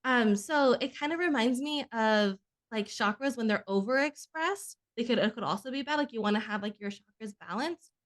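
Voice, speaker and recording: A woman with a fairly high voice hosting a wellness podcast. She chats casually, dotting her questions with "like" and "um.". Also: lively intonation, normal speed, hardly any pauses, fairly bright tone. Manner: casual, "like" and "um" fillers. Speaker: podcast host. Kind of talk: casual interview chat.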